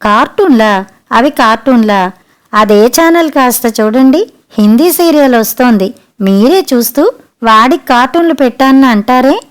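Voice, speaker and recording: A woman reading the part of an irritated young mother who scolds her mother-in-law with sharp, reproachful questions in an audiobook story. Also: on the high side, expressive, moderate pace, natural voice. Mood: scolding.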